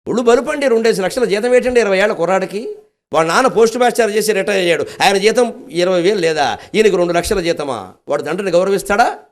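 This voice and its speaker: An older man with a Telugu accent gives a devotional discourse in a fairly high voice. He tells the story animatedly, acting out the characters' lines and dropping in humorous asides to the audience. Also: animated, fast. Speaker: spiritual discourse speaker.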